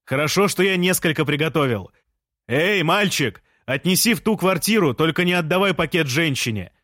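Narrator doing a high, loud, jolly man shouting from outside, audiobook, dry sound. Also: animated, moderate pace, dry recording. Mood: boisterous shouting. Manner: boisterous shouting. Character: loud cheerful ex-husband shouting from street.

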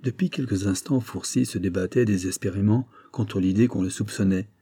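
A man narrating a classic novel in an audiobook with a measured, even delivery. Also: fairly low pitch, husky. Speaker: audiobook reader.

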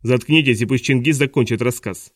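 A man's voice: mid-range voice, brisk, no echo, clean studio sound, lightly acted. A man doing a bossy, smug school tyrant. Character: petty, tyrannical male vice principal. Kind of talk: audiobook dialogue reading.

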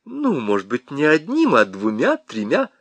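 A man voicing a gentle, patient middle-aged wife who speaks softly and soothingly. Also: a little high, huge pitch swings, normal speed, no room sound, exaggerated voice. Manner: soft, soothing, timid.

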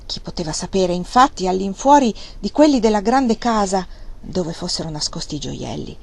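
A woman reading an audiobook and voicing a sharp-tongued, scolding servant woman with a shrill voice. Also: animated, moderate pace, creaky. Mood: recounting. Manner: harsh and scolding.

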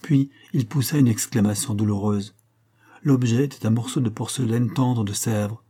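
Man narrating a story, measured delivery, dark mellow timbre, breathy edge. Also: medium pitch. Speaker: audiobook reader. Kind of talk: scripted narration.

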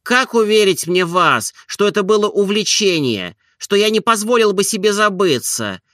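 A shy, lovesick gentleman as a male narrator reads him, slow and soft, pleading with each word. His voice is bright and clear in a dry, close recording. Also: high voice, animated, no room sound, pitched above the performer's own voice. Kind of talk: audiobook character reading.

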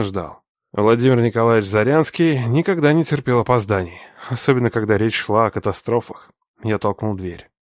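A man narrating a first-person story in a tense, measured audiobook style. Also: fairly low pitch, dry recording, studio quality.

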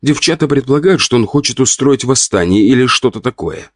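A man reading an audiobook, voicing an indignant, sharp-tongued countess of about forty. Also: medium pitch, expressive, fairly quick, no room sound, studio quality, pitched above the performer's own voice, close to an everyday voice. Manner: huffy, pleading, indignant.

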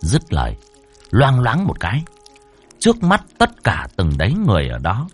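A man's voice: lowish voice, huge pitch swings, moderate pace, slightly rough, soft background music. A man reading a ghost story aloud with a dramatic, swooping delivery.

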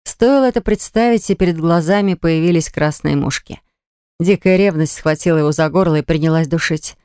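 An audiobook narrator reading a romance novel chapter in an even, measured way. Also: mid-range voice, clear, resonant tone, dry recording, clean studio sound.

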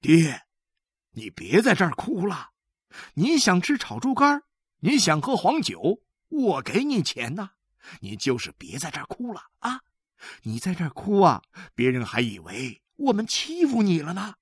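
An impatient young son from a story talks quickly and placatingly, as a woman reader puts him on. The voice stays close and dry. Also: fairly low pitch, wildly swooping pitch, slightly rough, no echo, voice pushed up, full character voice. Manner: hurried, placating.

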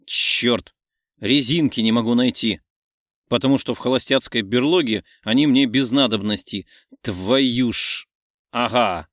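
A man voicing a gruff, teasing young man who grumbles in a lowered voice. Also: measured pace, a bit bright, dry recording, clean studio sound, natural voice. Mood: grumbling.

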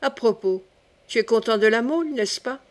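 A woman's voice: fairly high pitch, moderate pace, lightly acted. A woman reading the part of a cunning young king who speaks in a wry, teasing way. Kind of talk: audiobook character reading.

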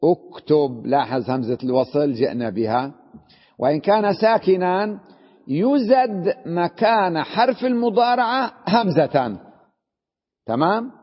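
A man's voice: high voice, lively intonation, a little slow, slightly rough. A man teaching an Arabic grammar lesson, explaining step by step and often putting questions to his students. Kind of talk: classroom lesson. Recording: dull lo-fi recording in a reverberant hall.

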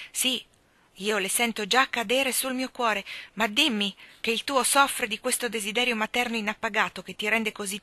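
A woman voicing a young father who pleads humbly and earnestly with a fairy, in a quiet storybook reading. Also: medium pitch, dry recording, natural voice. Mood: pleading.

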